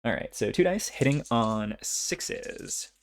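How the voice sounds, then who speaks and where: A man's voice: mid-range voice, animated, takes it slowly, slight background noise. A young man casually narrating his own turns in a solo tabletop board game, thinking aloud and counting dice as he goes.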